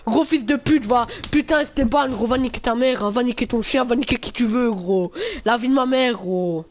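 A male streamer, chatting casually with viewers during a live game, full of slang and swearing, with sudden loud yelps. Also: very high voice, normal speed. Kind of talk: casual gameplay livestream chat.

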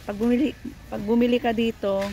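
Holding her own phone camera, a woman from the Philippines chats casually for a shopping vlog inside a large warehouse store. A native Tagalog speaker with a Filipino accent, she talks fast in a higher, dark-toned voice with fairly even intonation, and faint music plays behind her.

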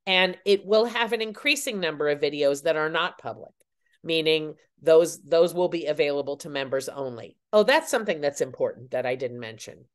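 An older woman, owner of the site, walking viewers through its menus in an unhurried, explanatory way, her phrases trailing off at the ends. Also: low-pitched. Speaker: site owner giving a tour. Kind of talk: screen-recorded website walkthrough.

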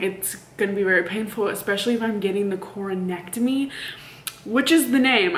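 Woman in her twenties, casual vlog chat, medium pitch, blunt and slangy, sweary, noticeable background noise. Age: 20s. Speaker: vlogger. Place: parked car and a room at home.

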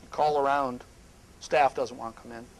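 A middle-aged man speaking at a live seminar on a small indoor stage, emphatic and animated, sometimes dropping to hushed asides. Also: medium pitch, normal speed, low-quality recording.

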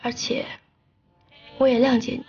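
An actress playing a proud young lady of a noble family, speaking softly and coaxingly in a period TV drama. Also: a little high, level tone, normal speed, slightly rough, muffled recording. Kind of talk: TV drama dialogue. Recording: drama soundtrack with loud music.

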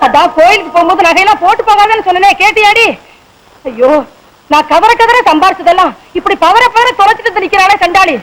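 A woman's voice: very high voice, expressive, quick pace, a bit bright, poor audio. An actress playing a dramatic, devout older mother who scolds and wails, from an old comedy film. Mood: scolding. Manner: scolding, wailing. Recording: old film soundtrack with music.

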